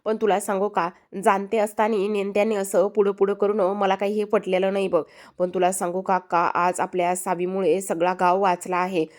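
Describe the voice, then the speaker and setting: A woman's voice: medium pitch, little pitch movement, normal speed, close to an everyday voice. A woman voicing a firm, caring village headman and father in a retold serial, earnest in argument.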